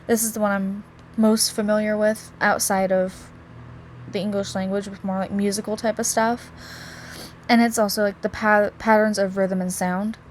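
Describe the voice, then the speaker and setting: A woman's voice: medium pitch, level tone, normal speed, a little hiss or hum. A young woman giving a student presentation for a class, casual and full of fillers and restarts. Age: young adult. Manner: casual, with many likes and restarts.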